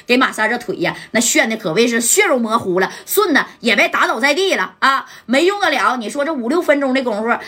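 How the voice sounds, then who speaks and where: Husky woman telling a gangster tale. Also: a little high. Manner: lively, chatty, asides to listener. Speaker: storyteller. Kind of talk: colloquial oral storytelling.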